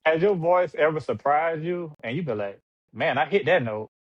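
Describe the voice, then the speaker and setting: A podcast host with a slightly high voice and moderate pace asks questions in a laid-back, slangy, hype-man style during a casual interview. The recording has a dull, lo-fi sound.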